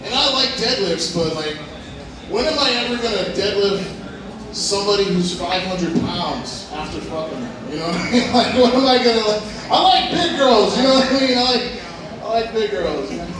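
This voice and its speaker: A man's voice: sits high, expressive, normal speed. Rambling male comic in an echoey club. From Hawaii. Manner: crude, rambling, laughs at own jokes. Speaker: stand-up comedian. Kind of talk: stand-up comedy set. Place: comedy club stage. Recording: echoey club from a distance, crowd.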